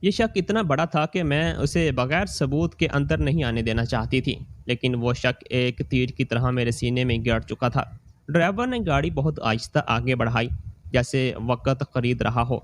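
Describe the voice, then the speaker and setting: A man reading a scripted moral story in the first person, slow and steady. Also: mid-range voice.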